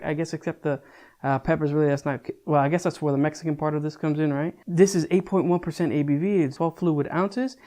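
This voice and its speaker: A man's voice: on the high side, dark tone. A young adult man giving a casual, chatty beer review, talking loosely with frequent restarts and casual swearing.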